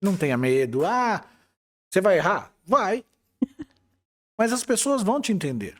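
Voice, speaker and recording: A man with a Brazilian Portuguese accent, an IT manager interviewed as a guest, telling stories in a relaxed way with some hesitant restarts. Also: sits high, a little slow. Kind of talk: conversational interview.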